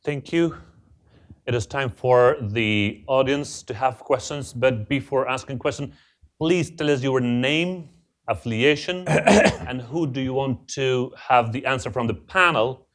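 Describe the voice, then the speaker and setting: A man moderating the question session, polite and a little halting. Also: medium pitch, a bit bright.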